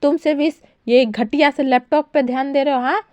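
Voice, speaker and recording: A petulant young man who whines and snaps for what he wants, put on by a woman storyteller. He sits higher and louder than the narration, with a mellow tone underneath, a fan-fiction retelling told close and dry. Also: brisk, no room sound, lightly acted. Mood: demanding. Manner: whiny, petulant, shouting. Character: moody, demanding pregnant young man.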